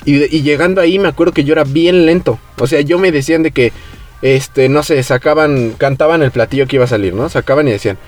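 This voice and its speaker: A young man with a Mexican Spanish accent, hosting a podcast and telling a story in relaxed, slangy chat, acting out the voices of people he quotes. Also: on the high side, fast talker, soft background music. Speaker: podcast host.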